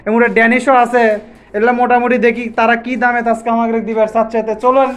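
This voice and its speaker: A man's voice: very high-pitched, completely flat delivery, smooth. A man from Bangladesh with a Bogura regional accent, a vlogger questioning a seller in a casual chat. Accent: Bogura regional Bengali. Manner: rapid-fire, repetitive questioning. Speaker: vlogger at a pigeon market. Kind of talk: casual vlog interview with a seller.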